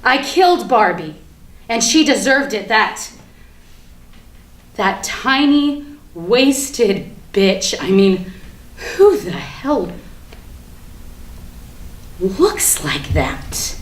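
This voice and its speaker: At a live staged reading, a woman delivers a theatrical monologue as a defiant everywoman who gleefully confesses to killing Barbie. Her slightly high voice is very animated and heavily acted, with drawn-out words and long pauses. She is sardonic, emphatic, and indignant, swinging from hushed confiding to outraged ranting in an echoey room with background noise.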